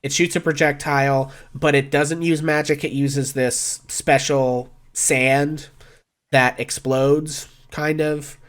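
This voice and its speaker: A man's voice: on the high side, level tone, takes it slowly. A man acting as game master, casually explaining and narrating a tabletop game in a conversational way.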